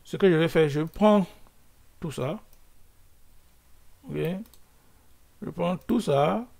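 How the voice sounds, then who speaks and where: Man, coding tutorial host, slow halting delivery, fillers and restarts, gravelly, slightly high. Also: a little mellow. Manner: thinks aloud while working. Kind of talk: screen-recorded coding lesson.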